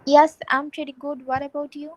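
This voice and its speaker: A woman's voice: high voice, level tone, moderate pace, poor audio. A woman in her twenties from Bangladesh, introducing herself as a graduate student in a friendly way.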